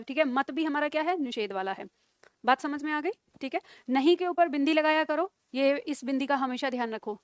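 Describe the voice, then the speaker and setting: Woman teacher, high voice, dry close sound; patient classroom delivery, spells out examples slowly for dictation. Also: no echo. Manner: slow dictation with repeated words, checking questions. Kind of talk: classroom grammar lesson.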